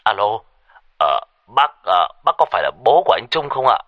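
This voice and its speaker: A man doing a halting, polite young policeman. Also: lowish voice, sing-song, no echo, dull audio. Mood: hesitant. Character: hesitant young male traffic policeman on the phone.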